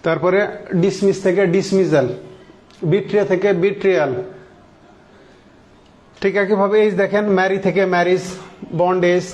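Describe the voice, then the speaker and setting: High-voiced man teaching grammar. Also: steady tone, moderate pace, pauses often, a little mellow. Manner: explains step by step, asks the class questions. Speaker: English teacher. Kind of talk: classroom grammar lesson.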